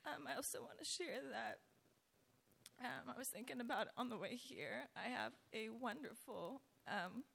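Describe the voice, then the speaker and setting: A woman with a raspy voice giving a personal church testimony, speaking hesitantly with pauses. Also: a little high, fairly bright tone.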